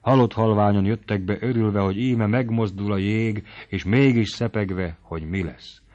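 Male narrator for a literary audiobook; low voice, steady and measured. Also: dull audio. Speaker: audiobook reader. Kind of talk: scripted narration of a novel.

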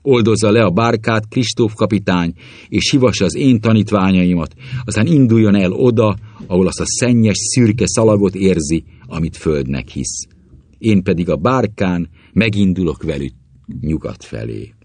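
A man's voice: expressive, darkish tone, no room sound. A man voicing a proud, cold male alchemist in a story reading, with a rapt, incantatory delivery. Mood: cold haughty. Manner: rapt, incantatory, sweeping pitch. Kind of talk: audiobook reading.

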